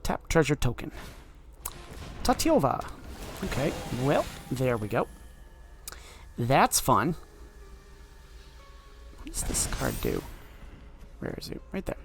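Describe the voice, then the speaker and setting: A man's voice: medium pitch, very animated, takes it slowly, creaky, long pauses, a bit bright, faint music behind. A man giving casual commentary while playing a card game, thinking aloud in an offhand way.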